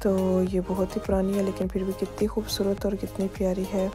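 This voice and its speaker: A woman's voice: mid-range voice, completely flat delivery, brisk, music in the background. Chatty woman vlogger on an evening walk. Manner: chatty, repeats "ye dekhiye" while pointing things out. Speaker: travel vlogger. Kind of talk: casual walking-tour narration. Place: outdoors on city streets at dusk.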